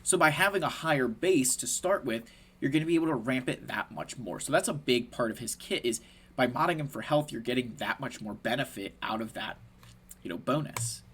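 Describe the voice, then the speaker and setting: A man's voice: medium pitch, brisk, a bit bright, slightly rough. A man who is a bit under the weather explains a game to viewers in an upbeat, step-by-step way, casual and direct. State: under the weather, a little congested. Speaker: gaming content creator.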